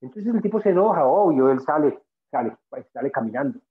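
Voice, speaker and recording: A man's voice: fairly high pitch, animated, brisk. A man guest speaker giving a spiritual motivational talk, earnest and emphatic, repeating phrases to drive points home. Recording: tinny phone-like sound.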